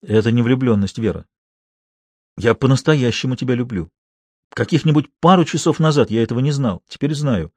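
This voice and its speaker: A man reading an audiobook, voicing a shy, lovestruck young detective in an earnest, quiet tone. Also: mid-range voice, brisk, no echo, lightly acted.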